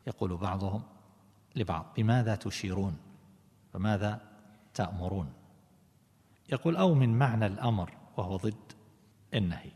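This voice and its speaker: A man, a low, settled voice, lectures on scripture commentary in a deliberate, explanatory way. His voice rings with a long hall reverb. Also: expressive, a little mellow. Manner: deliberate, explanatory, self-correcting. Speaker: religious teacher.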